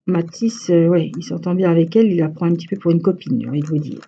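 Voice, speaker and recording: A woman with a Franche-Comté French accent chats to her viewers and rambles from one detail to the next. Her voice is very dark and mellow, with a husky grain. The recording sounds dull and lo-fi. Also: lowish voice, fairly even intonation, fast. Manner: chatty, rambling storytelling. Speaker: crochet vlogger. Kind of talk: casual chat to viewers.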